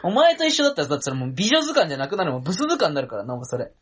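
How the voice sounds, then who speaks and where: Husky young man teasing his co-host. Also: fairly high pitch, huge pitch swings, fairly bright tone. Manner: teasing, quick retorts with laughs. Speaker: podcast co-host. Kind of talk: casual comedic banter.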